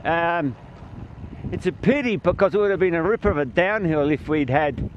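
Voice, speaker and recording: A man chatting excitedly and calling out to his riding partner while cycling downhill outdoors. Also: fairly high pitch, moderate pace. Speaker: cyclist filming his ride. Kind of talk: casual commentary while riding. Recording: muffled camera mic with wind noise.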